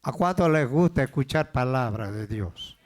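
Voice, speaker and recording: A man's voice: mid-range voice, expressive, normal speed, darkish tone. A man preaching a sermon as pastor of a church, repeating words as he builds up and calling out questions to the congregation.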